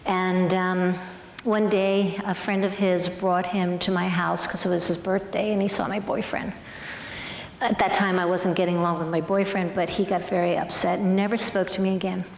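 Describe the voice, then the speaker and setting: A woman's voice: on the low side, moderate pace, gravelly, a little hiss or hum. An older woman, a former ballerina, telling stories on stage in a big hall, acting out quotes and dropping to whispers. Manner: lively, acts out quotes, drops to whispers. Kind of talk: stage storytelling show. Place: large arts hall, live audience. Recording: echoey hall with long reverb and faint music.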